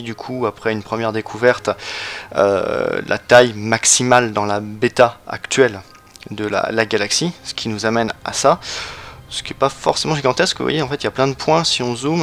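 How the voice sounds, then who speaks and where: Fairly bright and mid-range, this let's play host's voice is giving out as he walks through a strategy game. His commentary stays casual and tentative, with frequent fillers and false starts.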